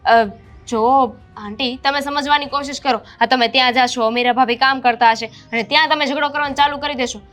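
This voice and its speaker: A young woman playing a polite neighbour who hesitates and reasons calmly with an older woman in a family drama. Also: high-pitched. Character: young woman neighbour, friend of the daughter-in-law. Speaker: neighbour character. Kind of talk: amateur family drama acting.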